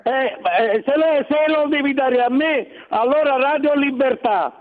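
A man's voice: extremely high pitch, unhurried. A man from southern Italy calling in to a radio show over a phone line, talking insistently and repeating himself. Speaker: caller.

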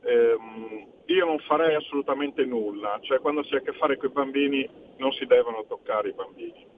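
Man, radio show caller, phone line, thin tinny sound, polite, hesitant, fills pauses. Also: medium pitch, a little hiss or hum. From northeastern Italy. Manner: hesitant, polite, searching for words with many fillers. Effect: heard over a phone line on a radio show. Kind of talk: phone-in call to a talk show.

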